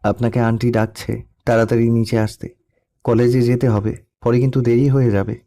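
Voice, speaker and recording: A man's voice: medium pitch, level tone, normal speed. Young man narrating a sad love story. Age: young adult. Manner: soft, melancholy storytelling. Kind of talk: scripted first-person story narration.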